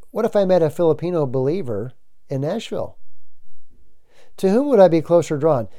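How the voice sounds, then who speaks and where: Earnest male preacher, mellow voice. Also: on the high side. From United States. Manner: earnest, emphatic, rhetorical questions. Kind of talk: sermon.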